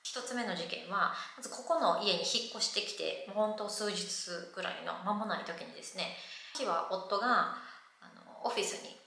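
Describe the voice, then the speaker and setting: A woman with a Kansai Japanese accent telling a lively story to camera as a vlogger, acting out the people she met. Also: medium pitch, brisk. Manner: lively retelling that acts out the people in her story. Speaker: vlogger living abroad. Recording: very echoey room.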